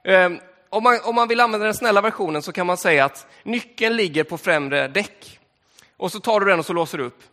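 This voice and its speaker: A man with a high, bright voice preaches in a church, easy and conversational, with frequent fillers. His voice rings out in a hall with a long reverb. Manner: conversational, relaxed storytelling with fillers. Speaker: pastor. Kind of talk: sermon.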